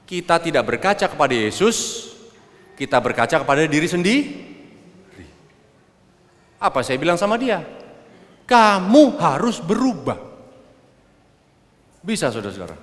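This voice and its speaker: A middle-aged man preaching a personal testimony sermon, addressing the congregation directly and swinging between loud outbursts and quiet asides. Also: a little high, big pitch swings, fairly quick, pauses often. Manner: addresses the congregation as brothers and sisters. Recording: long hall reverb.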